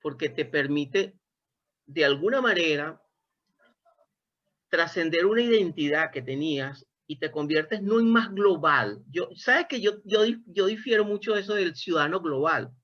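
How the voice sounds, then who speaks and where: Fairly high-pitched and expressive, with a fairly bright tone and moderate pace, this Venezuelan man conducts a reflective interview, expanding on his thoughts and frequently restarting phrases. The recording sounds dull and low-fidelity.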